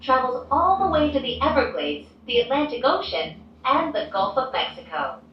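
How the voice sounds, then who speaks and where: A woman giving a polished, upbeat recorded announcement that plays over a cabin loudspeaker. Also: high voice, big pitch swings, normal speed, distant mic, a little hiss or hum. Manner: polished, upbeat tour-guide delivery. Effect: played over a loudspeaker. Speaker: transit announcer. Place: gondola cabin. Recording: dull loudspeaker playback, echoey cabin, off-mic.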